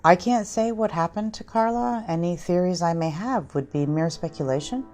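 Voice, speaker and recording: A woman's voice: lowish voice, expressive, normal speed, darkish tone, close to an everyday voice. A woman playing a guarded attorney, formal and evasive in a mock documentary interview. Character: guarded professional female attorney.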